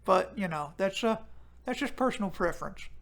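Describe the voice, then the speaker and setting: A man does a full character voice as a brash, foul-mouthed male wrestling fan who hosts a live stream and reads chat comments aloud. Crude and swearing freely, he breaks into excitable outbursts. The voice sits high, creaky, at a moderate pace.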